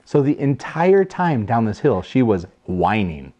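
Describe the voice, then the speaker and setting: A man in his thirties telling a funny personal story in a jokey, animated way, acting out voices. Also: medium pitch, a little slow. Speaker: host. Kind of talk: casual storytelling.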